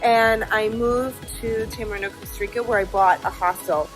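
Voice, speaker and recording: A woman's voice: fairly high pitch, fairly even intonation, moderate pace, soft background music. Woman telling her success story. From Chicago, United States. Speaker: customer testimonial. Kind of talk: testimonial interview.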